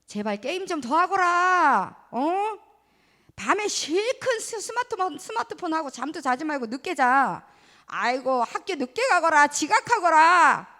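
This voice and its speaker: A middle-aged woman giving a children's sermon in church, asking the kids questions and acting out scolding parents. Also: high voice. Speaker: children's ministry preacher. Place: church hall. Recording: reverberant church hall.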